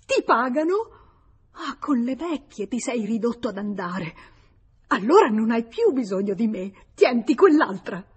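Woman voicing a shrill, jealous young lover. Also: lively intonation, takes it slowly, a little mellow, breathy edge, full character voice. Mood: furious. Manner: shrill, accusing outbursts. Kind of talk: audiobook character voice.

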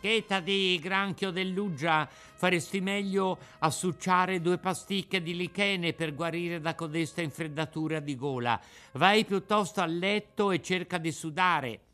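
A cheeky wooden puppet boy, as a man reading aloud puts him on, his voice raised well above the reader's own. He sounds brash and loud, a little rascal of a storybook. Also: high-pitched, a little slow, hardly any pauses, faint music behind, voice pushed up. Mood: rude mocking. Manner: rude, mocking, turning tearful and pleading.

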